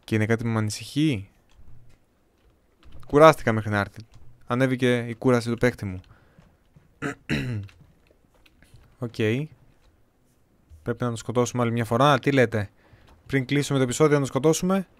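Young man from Greece, casual game commentary, chatty, slightly hoarse, keeps clearing his throat. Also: medium pitch, long pauses, dry recording. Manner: chatty, talks to viewers, jokey self-talk. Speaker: gameplay commentator.

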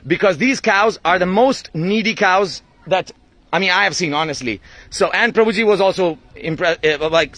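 High-voiced man. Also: fairly bright tone. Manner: earnest, halting, repeats phrases. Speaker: vlogger appealing for cow shelter donations. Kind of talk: casual livestream talk to camera. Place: outdoors in a cow shelter yard. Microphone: phone at arm's length.

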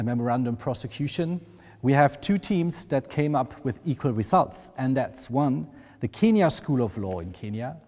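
A middle-aged man with a German accent presenting awards in a formal speech, measured and proud, at a desk in a wood-panelled room. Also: mid-range voice, mellow. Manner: measured, proud ceremonial delivery. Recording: long hall reverb.

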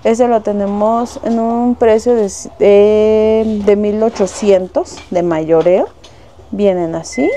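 A Mexican saleswoman in a shop walks through the goods one by one, giving wholesale prices. She talks casually and is fond of diminutives. Her voice is mellow and warm, at an ordinary pitch for a woman. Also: fairly even intonation, takes it slowly, a little hiss or hum. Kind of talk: casual product showcase. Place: shop indoors.

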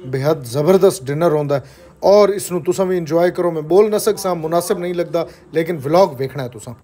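A man's voice: fairly high pitch, fast talker, warm tone. A man, vlogging earnestly to viewers on a phone held at arm's length. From Pakistan. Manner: earnest, persuasive, addresses viewers as friends. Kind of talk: casual vlog narration to camera. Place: indoor sitting room and car.

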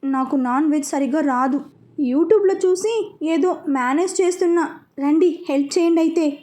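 A woman's voice: high voice, normal speed, darkish tone, natural voice. Woman doing a nervous young cook guy, polite, a bit jumpy. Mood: jittery.

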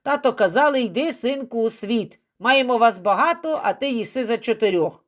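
Lady doing a big naive farm lad, plain-spoken, a bit higher than her own voice. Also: lively intonation, normal speed, lightly acted. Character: huge young village man, simple, good-natured.

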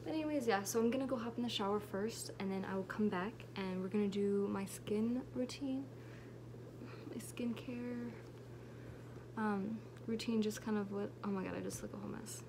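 At a normal speed and medium pitch, a late-teen woman recounts a loose, rambling tale to a phone or camera held at arm's length. She stumbles through fillers and restarts in her bedroom while the air conditioner hums.

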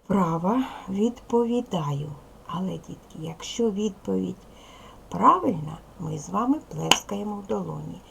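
Slow gravelly woman teaching young children. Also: medium pitch, animated, slight background noise, rough recording. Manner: slow, clear, patient, addressing children with questions. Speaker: primary school teacher. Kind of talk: video lesson for young children.

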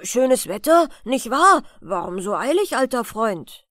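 Woman playing a vain, friendly stage horse, storybook, loud and grand. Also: mid-range voice, lively intonation, a little slow, no echo, studio quality. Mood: hearty. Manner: proud, sociable, louder, a bit grand. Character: boastful, chatty male circus horse.

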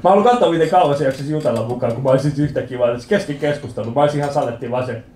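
A man in his thirties doing a stand-up comedy set in a club, telling stories with animated acted-out voices and lots of swearing. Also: medium pitch, slight background noise. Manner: animated storytelling, acts out quoted voices, swears freely. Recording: roomy club with audience laughter.

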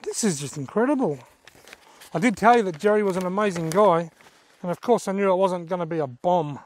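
Speaking briskly in a voice that sits high, an Australian fishing vlogger in his forties chats enthusiastically to camera from a dirt track in bushland. He's casual and effusive, and there's slight background noise.

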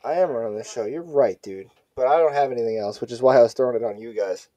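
A man's voice: mid-range voice, quick pace, dark tone, no room sound, highs cut off. A young man hosting a podcast, chatting casually and slangily with his friends. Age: young adult. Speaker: podcast host. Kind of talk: casual chat among friends.

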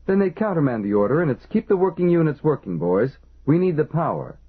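A man voicing a furious, gruff male shift chief who curses in a rasping, raised voice. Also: mid-range voice, big pitch swings, unhurried. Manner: cursing, shouting angrily. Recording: tinny phone-like band.

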